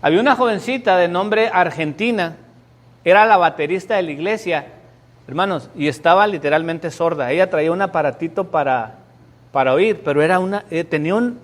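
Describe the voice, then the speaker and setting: High-voiced pastor preaching. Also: male voice. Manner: emphatic, dramatic storytelling. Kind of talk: sermon. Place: church sanctuary before a congregation.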